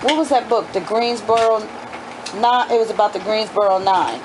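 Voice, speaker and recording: With a medium-pitched voice at a moderate pace, a middle-aged woman reads a children's book to her young children amid background noise. She homeschools them and discusses the story as she goes, posing questions and adding explanatory asides.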